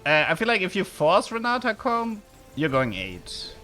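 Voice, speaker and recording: A German-accented man from southern Germany streams, conversing with viewers and narrating his gameplay with abrupt excited bursts. He speaks in a high pitch at a moderate pace over soft background music.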